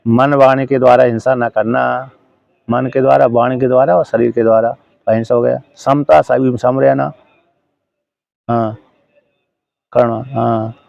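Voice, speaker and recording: In a lo-fi recording, a man with a mid-range, level, gravelly and slightly mellow voice teaches a scripture lesson. Word by word he unpacks a commentary, stopping to fix his own phrasing and ask if everyone follows, and he chants verses slowly.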